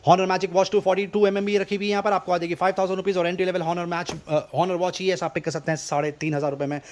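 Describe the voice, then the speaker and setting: An Indian man with a high voice presents shop deals at an extremely fast pace. His delivery is an overeager teleshopping pitch, insistent and repetitive, rattling through items and prices. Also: little pitch movement, slight background noise. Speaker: shop presenter selling discounted goods. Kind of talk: rapid-fire teleshopping sales pitch.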